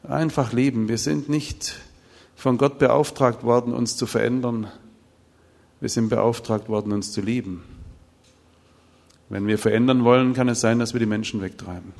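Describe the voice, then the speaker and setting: A middle-aged man gives a sermon in a large hall, and his voice rings on in the long reverb. He tells stories with lively, animated delivery and acts out the dialogue of the people in them. His pitch sits in the ordinary middle range for a man. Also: moderate pace, creaky, pauses often. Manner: animated storytelling, acting out dialogue. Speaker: preacher.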